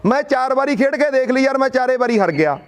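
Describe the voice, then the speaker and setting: A man from Punjab addresses an outdoor protest in an impassioned public speech. His voice sits very high for a man. He drives his points home with rhetorical questions and folksy stories. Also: lively intonation, quick pace. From Punjab, India. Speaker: speaker at a protest sit-in.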